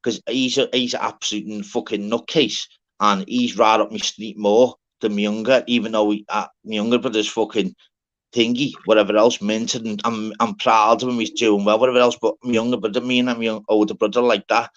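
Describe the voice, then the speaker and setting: A man's voice: fairly low pitch, little pitch movement, brisk. A man with a Liverpool accent in casual, sweary banter, talking in rambling, repetitive, broken-up sentences. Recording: dull lo-fi audio.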